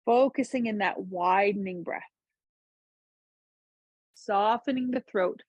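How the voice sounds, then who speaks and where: A woman teaching a seated yoga class, giving calm, gentle cues to breathe and move. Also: medium pitch, takes it slowly, no room sound, lo-fi sound. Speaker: yoga instructor. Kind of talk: guided chair yoga instruction.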